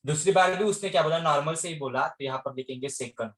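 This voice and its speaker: Male teacher, slightly high pitch, call-and-response lecturing style, echoey room audio. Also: quick pace, a bit bright. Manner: keeps quizzing students with repeated questions. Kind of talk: online class lecture.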